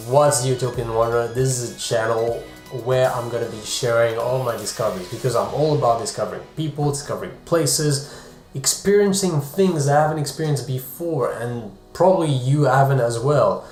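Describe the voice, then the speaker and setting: A man's voice: medium pitch, moderate pace, reverberant, soft background music. A man from France, a travel vlogger and photographer, talking casually to the camera in a chatty way, breaking off for joking asides. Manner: chatty, self-interrupting, jokey asides.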